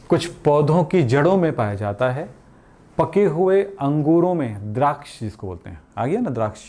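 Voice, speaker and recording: A middle-aged man with a warm, somewhat high voice teaches chemistry in a chatty classroom lecture. He poses questions and answers them himself, draws on everyday examples, jokes around, and colloquially calls his students "beta."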